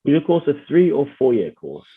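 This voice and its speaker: A man interviewing a guest, asking brisk questions from a script. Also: mid-range voice, sing-song, slightly rough. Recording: tinny phone-like line with crowd noise.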